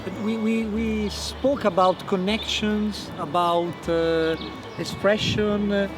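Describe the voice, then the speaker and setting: A man interviewing artists, halting and rephrasing his questions as he goes. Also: sits high, fairly even intonation, background noise. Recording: loud music behind the voices.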